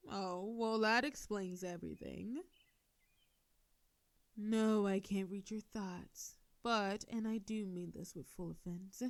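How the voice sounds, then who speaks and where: A woman's voice: medium pitch, a little mellow, lightly acted. A woman playing a sardonic telepathic supervillain in a scripted audio drama, with a theatrical, teasing way of drawing out her words. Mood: sarcastic, intrigued. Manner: theatrical, taunting, drawn-out words. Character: sardonic female telepathic supervillain, menacing yet softening.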